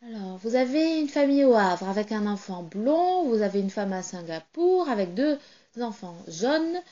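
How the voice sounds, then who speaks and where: A woman doing a squeaky little magic doll, muffled. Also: big pitch swings, normal speed, warm tone. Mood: confident. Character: small magical female rubber doll, polite, clever.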